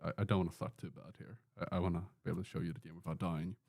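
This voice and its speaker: Racing through his words in a low, gravelly, darkish voice with a level tone, this game streamer from Sweden chats and jokes on a live gameplay stream. He answers questions from chat in a Swedish accent, inside a room with a door.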